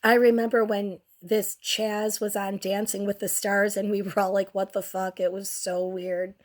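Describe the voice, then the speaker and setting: Hosting a casual commentary show, a young woman with a mid-range, flat voice sounds like she has a cold and has almost lost her voice. Her delivery is crude and sardonic, slow and drawn out.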